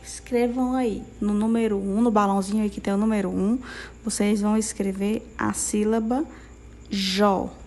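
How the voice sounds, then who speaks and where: A young adult woman with a Brazilian accent, a primary school teacher dictating syllables slowly and patiently to small children, in a sing-song way that checks in often. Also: medium pitch, steady tone, warm tone, a little hiss or hum. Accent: Brazilian Portuguese.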